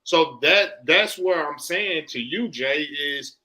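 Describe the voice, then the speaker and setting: A man's voice: on the high side, takes it slowly, pushed and bright, rough recording. A man hosting a podcast, delivering an impassioned, emphatic soapbox monologue in casual, slangy, profane speech, often repeating himself for emphasis. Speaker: podcast host.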